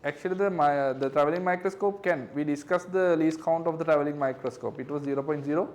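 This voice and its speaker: A physics tutor with a high, light voice reviews exam questions aloud, working through each figure step by step. He frequently checks that his class is following by using quick tag questions.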